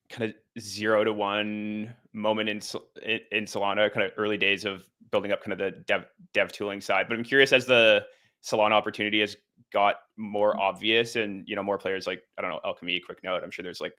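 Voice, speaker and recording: A man's voice: fairly low pitch, level tone, brisk, sharp tone. A man hosting a casual interview, asking questions in an easygoing way. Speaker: show host.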